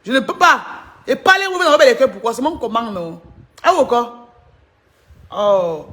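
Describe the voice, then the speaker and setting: A woman's voice: fairly high pitch, sing-song, normal speed, fairly bright tone. A woman doing mocking gossip commentary on a live stream, teasing and laughing as she chats to viewers. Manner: teasing, laughing often, chatty asides to viewers.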